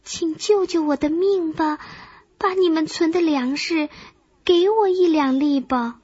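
A woman's voice: extremely high pitch, slow, muffled recording, voice pushed up. A woman voicing a starving, half-frozen male grasshopper who begs in a weak, breathless way. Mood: pleading.

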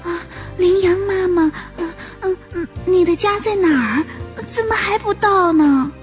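A woman voices a timid young fawn that stammers hesitantly and sounds close to tears, pitching her voice very high, above her natural range. She speaks a little slowly over soft background music, in a tearful, timid mood.

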